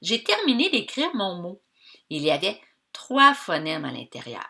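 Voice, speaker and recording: A woman teacher with a Québécois accent giving a reading lesson to children, slowly drawing out the sounds in words and encouraging her pupils. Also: fairly low pitch, wildly swooping pitch, vocal fry, bright, forceful tone. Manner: slow, stretched-out sounds of words for young learners; encouraging, addresses pupils directly.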